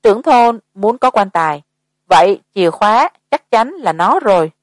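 A hardened, impatient man from an audiobook horror tale, curt and unshaken, voiced by a woman reader. He speaks flatly and briskly. The recording is dry and close. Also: medium pitch, no echo, close to an everyday voice. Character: seasoned gruff man, impatient, calm.

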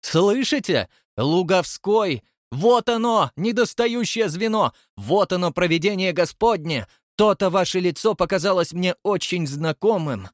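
A man's voice: on the high side, big pitch swings, no room sound, studio quality, pitched above the performer's own voice. A man doing an exultant old chairman. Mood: triumphant. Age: older. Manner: exclamatory, drawn-out emphatic words. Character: triumphant old male chairman, fervent believer in fate.

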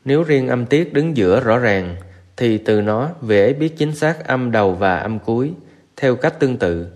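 A man reading a Buddhist scripture aloud in a steady, measured recitation, with Pali verses woven in. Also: medium pitch. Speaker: narrator.

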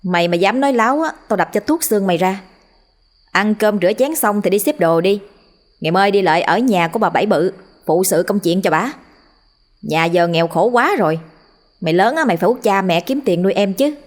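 A woman with a Southern Vietnamese accent voicing a harsh rural mother who scolds her daughter fast and sharply. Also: mid-range voice, animated, natural voice. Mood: scolding.

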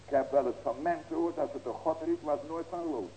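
A man's voice: a little high, fast talker, warm tone, rough recording. A man in his sixties preaching as a pastor, earnest and folksy, with rhetorical questions and emphatic ringing cries. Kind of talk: sermon.

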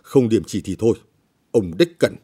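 A greedy village official barks and sneers, pushing his victims around with contempt, as a male reader puts him on. The voice sits low and dark with a husky edge, rising in force when he threatens. It belongs to a storybook reading. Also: animated, normal speed. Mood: greedy, contemptuous. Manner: harsh, blustering, scornful.

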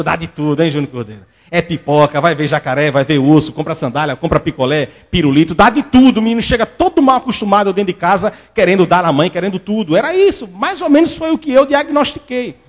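A male pastor, preaching a sermon and telling stories with lively acted-out voices. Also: high voice, fast, few pauses. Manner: animated storytelling, acts out quoted voices.

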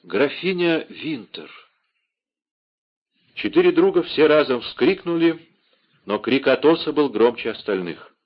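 A man narrating a classic novel as an audiobook, expressive and dramatic. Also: on the high side, moderate pace. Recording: dull lo-fi audiobook recording.

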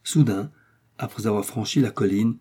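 A man reading a classic adventure novel aloud as scripted audiobook narration, in a steady, measured way. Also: fairly low pitch, slightly rough. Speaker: audiobook reader.

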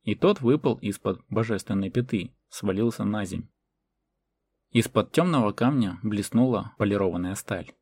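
A man reading a fantasy novel as audiobook narration in a measured way. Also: on the low side, expressive, a little mellow, husky, no room sound. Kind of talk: scripted narration.

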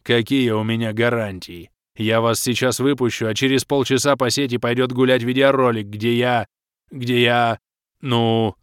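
Man doing a gruff, terse armored knight. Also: mid-range voice, fairly even intonation, moderate pace, no room sound, clean studio sound, lightly acted. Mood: grim. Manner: growling, terse. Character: gruff armored male knight, clan leader, grim.

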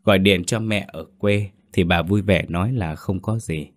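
Low-voiced man narrating a ghost story. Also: normal speed.

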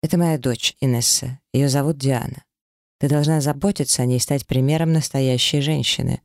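A reader voicing a stern, domineering rich husband who gives curt orders in an audiobook. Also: male voice, medium pitch, steady tone, moderate pace, a little mellow, no room sound, studio quality, close to an everyday voice. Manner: curt, commanding. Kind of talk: audiobook character voice.

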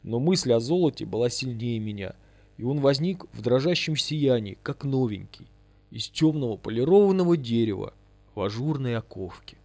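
A man's voice: mid-range voice, expressive, normal speed, gravelly, warm tone, no echo. A man giving a dramatic, vivid first-person audiobook narration.

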